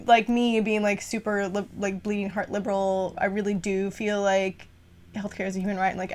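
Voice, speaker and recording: A young adult woman co-hosting a casual podcast, rambling and filling her talk with "like.". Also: medium pitch. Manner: rambling, heavy use of "like" fillers. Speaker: podcast co-host.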